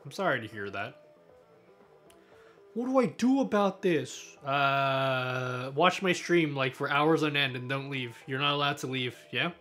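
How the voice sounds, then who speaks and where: A man's voice: mid-range voice, lively intonation, a little slow, pushed and bright, soft background music. A man streaming live, chatting casually with viewers and answering their questions in a laid-back way, often laughing and trailing off mid-sentence.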